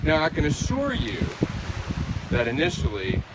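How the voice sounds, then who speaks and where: A middle-aged man speaking his wedding vows as a groom, playfully telling stories with theatrical, deliberate pauses, outdoors on a beach. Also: on the high side, wildly swooping pitch. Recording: windy outdoor recording, loud background noise. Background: loud wind and ambient noise.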